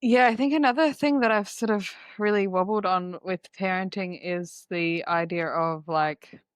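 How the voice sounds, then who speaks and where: A woman's voice: medium pitch, normal speed, clear, resonant tone, no room sound. A woman hosting a podcast, speaking thoughtfully and hesitantly in casual conversation over a video call. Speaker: podcast host.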